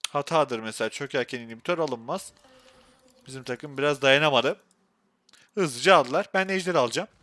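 A young man with a Turkish accent commentating his own gameplay on a live stream, excitable and quick to go from muttering to frustrated outbursts. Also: medium pitch.

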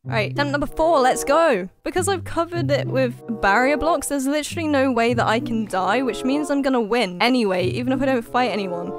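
High-pitched excitable woman gaming. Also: a little fast, few pauses, over music. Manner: excitable, repeats phrases in panicky bursts, laughs often. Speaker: gaming YouTuber. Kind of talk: live gameplay commentary.

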